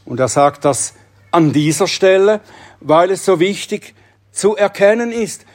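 A male preacher with a fairly high voice delivers a sermon at an unhurried, deliberate pace. He speaks earnestly and with emphasis, sinking to a near hush on key words. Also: expressive.

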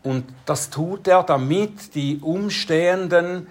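A preacher giving an expository sermon, explaining Bible verses in a deliberate, measured way. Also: mid-range voice.

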